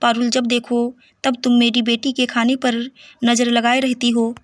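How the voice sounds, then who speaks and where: A woman's voice: on the high side, flat delivery, normal speed, no echo, clean studio sound, lightly acted. A woman voicing a scolding middle-aged mother-in-law in a story read-aloud. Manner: sharp, scolding.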